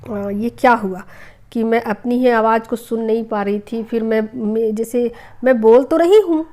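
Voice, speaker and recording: A middle-aged woman hosting a spiritual healing channel, telling viewers a personal story in a chatty way, repeating herself and filling pauses with hesitations. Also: fairly high pitch, warm tone. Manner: chatty, repeats phrases, many hesitation fillers.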